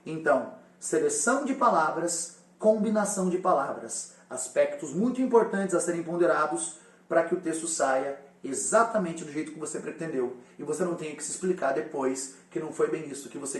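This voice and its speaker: A man's voice: a little high, animated, a little fast, echoey room, distant mic. A male teacher explaining a lesson directly to his students. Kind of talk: recorded lesson.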